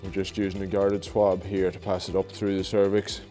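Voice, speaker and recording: Deep-voiced male vet. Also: completely flat delivery, normal speed, warm tone, soft background music. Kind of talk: commentary while working.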